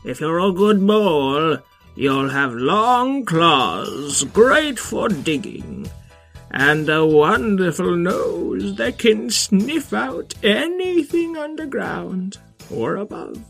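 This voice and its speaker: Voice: mid-range voice, big pitch swings, slow, creaky, a bit bright, soft background music, voice pushed up, full character voice. A storyteller voicing a fussy mole teacher who lectures in a lilting way. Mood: instructive.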